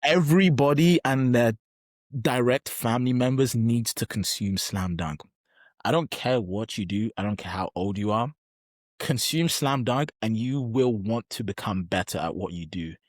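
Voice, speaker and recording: A man's voice: medium pitch, moderate pace, dry recording, studio quality. A young adult man chatting as a podcast guest, enthusiastic and emphatic, with frequent restarts. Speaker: podcast guest, pro bodybuilder. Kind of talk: casual podcast chat.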